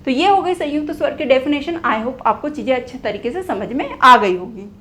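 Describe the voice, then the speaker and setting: A woman's voice: high voice, expressive, fairly quick, fairly bright tone. A young woman teaching Hindi grammar, repeating key phrases and asking and answering her own questions. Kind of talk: whiteboard lesson explaining grammar.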